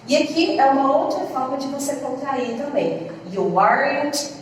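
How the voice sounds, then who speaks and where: A woman with a Brazilian Portuguese accent explaining grammar as an English teacher. She talks patiently, slows down to model example phrases and checks in with her students as she goes. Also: sits high, a little hiss or hum. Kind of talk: explaining grammar in a class lesson. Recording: echoey room, voice from a distance.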